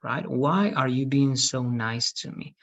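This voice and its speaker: A man's voice: mid-range voice, a bit bright. A man, teaching an English grammar class online, patient and repeating "right?" after each point. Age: 30s. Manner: slow, patient, tags sentences with "right?". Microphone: video call webcam. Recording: dull lo-fi video call audio.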